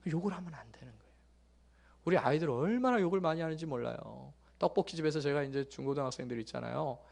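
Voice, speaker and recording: Animated man preaching with jokes. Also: fairly high pitch, quick pace, gravelly. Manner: lively, joking storytelling with sudden loud bursts and hushed asides. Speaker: pastor. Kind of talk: sermon.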